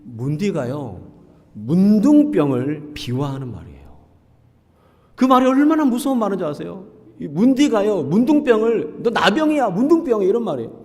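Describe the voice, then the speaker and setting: A man preaching a sermon as pastor, talking in a lively way and asking the congregation questions. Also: high voice, moderate pace. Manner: lively, asks the congregation questions and acts out quoted insults. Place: church sanctuary. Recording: long church hall reverb.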